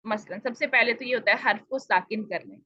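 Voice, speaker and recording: A woman's voice: a little high, brisk, pushed and bright, dry recording, lo-fi sound. A woman teacher giving a Quran recitation lesson, explaining patiently and asking questions she answers herself. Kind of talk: online tajweed lesson.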